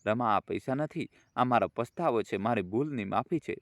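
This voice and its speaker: A man's voice: mid-range voice, lively intonation, moderate pace, dry recording, clean studio sound, natural voice. A man doing a remorseful, hot-tempered son. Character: middle-aged son, remorseful and quick-tempered.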